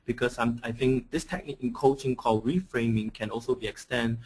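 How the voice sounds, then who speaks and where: A man's voice: medium pitch, steady tone, brisk, a little mellow, husky. Hesitant man giving a webinar. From Singapore. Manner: hesitant, with many fillers and restarts. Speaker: coaching trainer. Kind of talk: webinar presentation. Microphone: computer mic on an online call.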